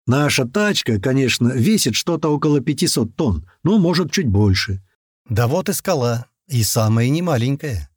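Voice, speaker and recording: A man doing lively first-person audiobook narration. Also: mid-range voice, moderate pace, breathy edge, dry recording, studio quality. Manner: lively and expressive.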